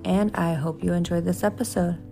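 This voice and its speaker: Low-voiced woman over music. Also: fairly even intonation, a little fast, gravelly, mellow. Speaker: podcast host and health coach. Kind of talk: scripted podcast intro. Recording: music playing behind voice. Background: intro music.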